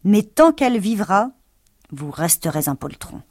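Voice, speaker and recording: A woman voicing a great and terrible wizard, speaking calmly, slowly and solemnly. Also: mid-range voice, dry recording, studio quality. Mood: stern. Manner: calm, slow, solemn. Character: great and terrible wizard, a calm voice from a ball of fire.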